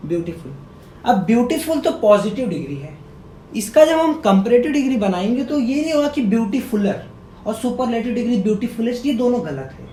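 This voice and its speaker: A male teacher giving a grammar lesson, quizzing his viewers by repeating key words as questions and sounding words out slowly. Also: very animated, warm tone. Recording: echoey room with faint rumble.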